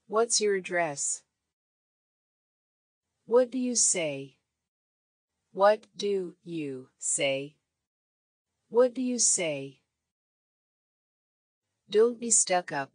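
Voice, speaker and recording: A woman reading short English phrases for learners, saying each one three times in a measured, clear way. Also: fairly low pitch, lively intonation, dry recording, studio quality. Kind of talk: slow repeated phrase drills.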